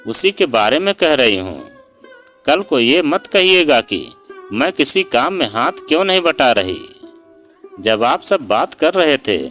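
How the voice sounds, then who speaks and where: A man's voice: medium pitch, fairly bright tone. A man voicing a hurt, outspoken young daughter-in-law in a storybook reading, speaking sharply and sarcastically. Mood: firm. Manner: sarcastic and pleading by turns.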